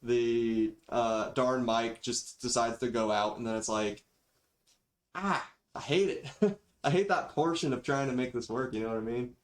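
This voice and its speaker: Man, casual livestream chat, game streamer, rambling, slangy, mid-pitched voice, cheap backup mic sound. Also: steady tone, moderate pace. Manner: rambling, laid-back slangy talk with mild grumbling. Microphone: default backup microphone after main mic failed. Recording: cheap default microphone sound.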